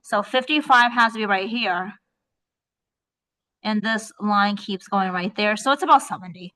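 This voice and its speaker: Bright-voiced woman teaching a math lesson. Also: medium pitch, a little slow, poor audio. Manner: checks in often with "right?"; tentative, thinks aloud while estimating. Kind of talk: explaining a worksheet step by step.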